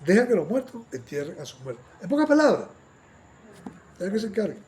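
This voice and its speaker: A man teaches a Bible study sermon with animation, often asking listeners to agree and acting out quoted lines in a raised voice. His voice is high-pitched and a little fast, with slight hiss or hum in the recording.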